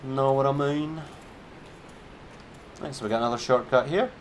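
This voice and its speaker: A man's voice: mid-range voice, moderate pace, slight background noise. A man streaming a game, giving laid-back, chatty commentary with a wry edge. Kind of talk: casual gameplay commentary.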